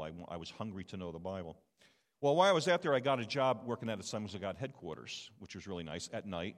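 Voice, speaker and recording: A man in his fifties giving a personal testimony sermon in a chatty, self-deprecating way, often checking in with the audience. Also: lowish voice. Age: 50s. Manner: conversational and self-deprecating, asks the audience "okay?". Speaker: preacher and missionary. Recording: long hall reverb.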